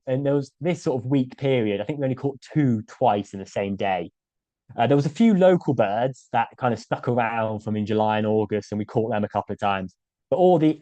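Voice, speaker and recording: Male guest speaker, mid-pitched, hesitant and chatty with lots of fillers, dry close sound. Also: dark tone, no echo. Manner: hesitant, many fillers and restarts. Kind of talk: casual illustrated talk.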